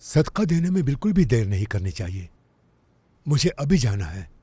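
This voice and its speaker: A man's voice: medium pitch, sing-song, moderate pace, mellow, breathy edge, no echo. An actor dubbing an evasive husband who curtly brushes off his wife to go out at night. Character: secretive husband and father slipping out at night. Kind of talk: dubbed film acting.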